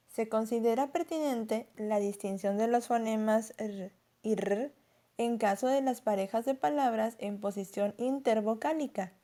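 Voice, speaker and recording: Mellow-voiced woman teaching a lesson. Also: medium pitch. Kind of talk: scripted lesson narration.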